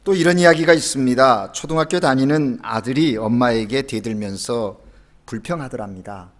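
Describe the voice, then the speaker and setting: A male pastor giving a Sunday sermon, telling anecdotes with quoted dialogue, rising for emphasis and then dropping soft. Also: medium pitch, normal speed. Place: church sanctuary.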